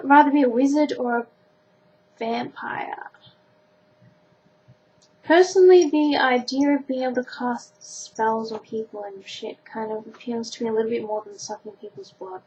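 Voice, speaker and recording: A woman's voice: high-pitched, fairly quick, a little mellow. A teenage Australian girl chatting casually to camera in an informal, self-deprecating way. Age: teenager, sixteen. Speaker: vlogger answering a questionnaire. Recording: dull lo-fi sound, faint background noise.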